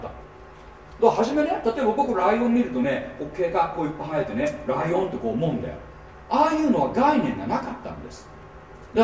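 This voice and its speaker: A man preaching at a seminar, teaching with lively emphasis and often checking in with his listeners. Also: a little high, a little hiss or hum. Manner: animated teaching with frequent rhetorical checks. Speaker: pastor. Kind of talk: seminar sermon. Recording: echoey hall, mic at a distance.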